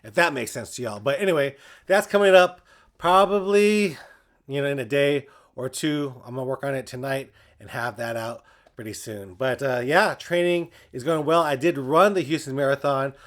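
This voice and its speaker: A man's voice: medium pitch, moderate pace, fairly bright tone. A man chatting casually to his viewers as a running vlogger. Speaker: running vlogger and channel host.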